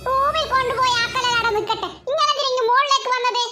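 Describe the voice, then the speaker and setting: A woman's voice: very high-pitched, fairly even intonation, fast talker, loud music behind the voice. A woman voicing a hot-tempered, scolding wife in a cartoon, speaking. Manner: nagging, scolding. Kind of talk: cartoon voice acting.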